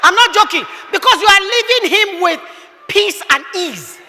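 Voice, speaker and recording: A middle-aged woman pastor, preaching fervently with rhetorical questions and shouted bursts. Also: very high voice, animated, moderate pace. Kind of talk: sermon. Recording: echoey hall.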